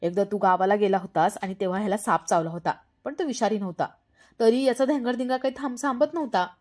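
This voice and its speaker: A woman voicing a calm, reassuring older man who gently soothes an upset friend. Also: mid-range voice, quick pace, natural voice. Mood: soothing.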